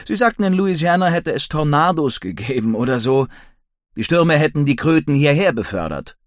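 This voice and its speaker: A man voicing a brawny, cheerful young male werewolf in an audiobook, talking in hearty, excited banter. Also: on the high side, normal speed, no echo, studio quality, voice pushed up. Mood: chatty.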